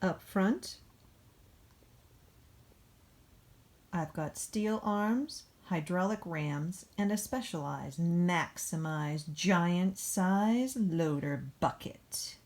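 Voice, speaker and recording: Reading from a picture book, a woman plays an enthusiastic backhoe loader that takes pride in getting dirty. Her pitch is fairly low and a little mellow, her manner animated, playful and emphatic, and she speaks very slowly and deliberately with wide gaps between words.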